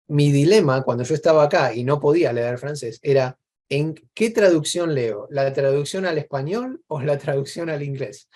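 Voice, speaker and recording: This interview guest, a man with an Argentine accent, has a slightly high voice with a darkish tone. Reflective and casual, he wanders through his explanations and illustrates them with examples.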